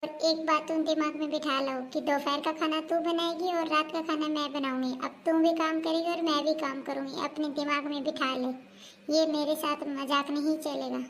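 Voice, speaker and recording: A woman's voice: sits high, little pitch movement, moderate pace, a little hiss or hum. A woman voicing an assertive elder daughter-in-law who argues insistently for equal rules in a comedic family skit. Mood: stern. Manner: argumentative, insistent.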